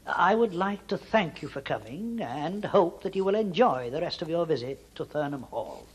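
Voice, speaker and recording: A man's voice: on the high side, lively intonation, a little hiss or hum. A man voicing a talking robot cavalier guide. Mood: stately, welcoming. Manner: formal and measured, like a recited script. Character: six-foot robot cavalier acting as a stately-home tour guide, male. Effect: robot voice played from a cassette tape inside the robot. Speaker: tour guide. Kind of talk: scripted guided-tour speech.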